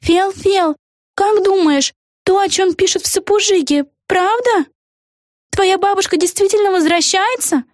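A woman voicing an excitable, chatty young girl witch in an audiobook, with a squeaky, wide-eyed, blurting way of talking. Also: unhurried, dry recording, clean studio sound. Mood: chattering. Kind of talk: audiobook character voice.

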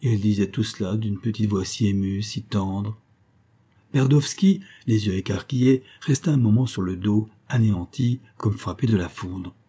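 A man reading a classic story aloud as a narrator, in measured, even storytelling. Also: fairly low pitch, breathy edge. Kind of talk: scripted audiobook narration.

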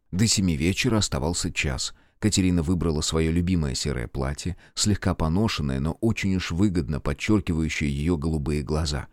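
Low-voiced male audiobook narrator. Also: a little mellow, no room sound, clean studio sound. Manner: measured storytelling. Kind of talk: scripted narration.

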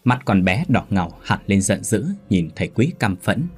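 A man narrating a ghost story in a steady, measured way. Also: fairly low pitch, slightly rough, faint music behind.

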